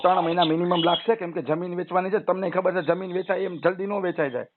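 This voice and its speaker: A man's voice: sits high, steady tone, fast talker. A man arguing his case at length on a recorded phone call, persuasive and lecturing. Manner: persuasive, lecturing, long-winded. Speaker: loan customer on a phone call. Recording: tinny phone line, faint noise.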